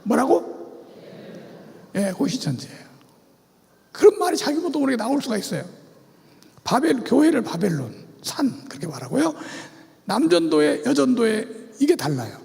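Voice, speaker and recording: High-pitched gravelly man preaching. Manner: animated, quizzes the congregation, call-and-response. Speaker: pastor teaching about cults. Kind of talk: church seminar sermon. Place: church sanctuary. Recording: long church hall reverb.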